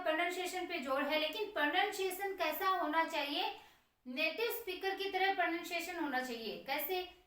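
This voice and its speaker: A woman's voice: extremely high pitch, a bit bright. A woman teaching a class, explaining a lesson and answering her own questions while writing on the board. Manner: writes on a board while speaking. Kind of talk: classroom lecture. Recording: very echoey room, far from mic.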